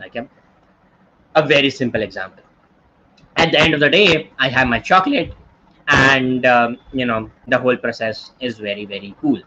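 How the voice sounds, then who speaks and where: A man's voice: mid-range voice, moderate pace, long pauses, bright, forceful tone, highs cut off. A man in his twenties with an Indian English accent, teaching an online workshop in a chatty, storytelling way full of tag questions like "right?" and "okay?". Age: 20s. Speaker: workshop instructor.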